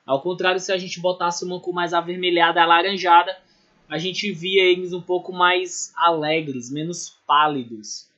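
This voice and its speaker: A man's voice: sits high, flat delivery, normal speed, sharp tone. Brazilian-sounding man teaching art, lo-fi. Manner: explanatory, many "né?" and "ou seja" tags, self-corrections. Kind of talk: recorded online class lecture.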